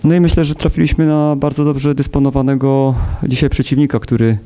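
A man in his thirties, a football coach, talking at a post-match press conference in a measured, hesitant way with many fillers, into a table mic. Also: medium pitch, little pitch movement, dark tone. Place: press conference room with sponsor wall.

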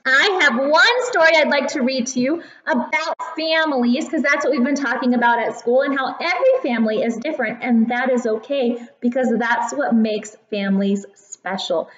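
Woman, kindergarten teacher, high voice, simple encouraging read-to-a-toddler delivery, roomy classroom sound. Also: a bit bright, dull audio. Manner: simple, deliberate, encouraging talk as if reading to a toddler. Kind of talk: teaching and reading aloud to young children. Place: classroom, indoors.

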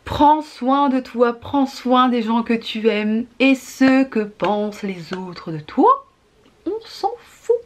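Brief: young female vlogger, animated chatty storytelling, slangy, fairly high voice, recorded on camera mic. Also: slow pace. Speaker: YouTuber. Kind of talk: casual storytime vlog.

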